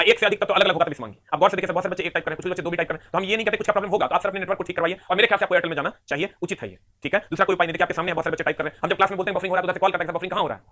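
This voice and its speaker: A man with a high, bright voice races through a live online chemistry class. He drills each definition again and again and counts atoms aloud at a brisk, forceful clip. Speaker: teacher.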